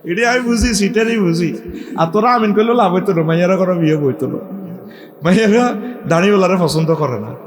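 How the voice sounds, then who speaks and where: A man's voice: high-pitched, a little fast, big-room sound. Joking preacher man, call-and-response. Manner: joking, calls out to crowd, sings phrases. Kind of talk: humorous sermon.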